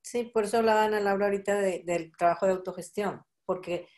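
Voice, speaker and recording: A woman's voice: mid-range voice, fairly even intonation, fast talker, darkish tone. A middle-aged woman hosting a casual group conversation, thoughtful and often laughing. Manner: reflective, laughs often, acts out quotes.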